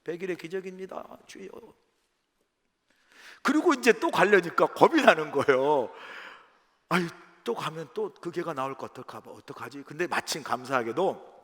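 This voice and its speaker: Middle-aged male pastor, high voice, lively sermon storyteller, church hall reverb. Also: moderate pace. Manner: animated, acts out scenes and his own quotes. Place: church sanctuary.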